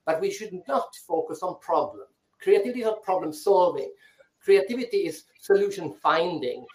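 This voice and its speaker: A man with a high, slightly mellow voice and lively intonation speaks at a normal pace. He's a guest from Sweden, thoughtfully answering interview questions and frequently restarting his words. He's on the rooftop of his island house, in echoey online audio.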